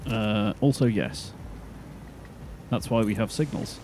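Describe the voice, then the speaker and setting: Playful man, slightly low voice. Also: slow pace, a little mellow. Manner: chatty, playful, self-mocking. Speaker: co-host and player. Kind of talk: casual gameplay chat. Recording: noisy background.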